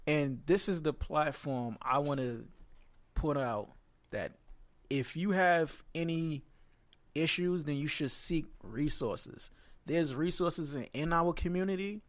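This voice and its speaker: A man's voice: a little high, takes it slowly. A man co-hosting a panel discussion, talking in a casual, conversational way with some swearing. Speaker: co-host.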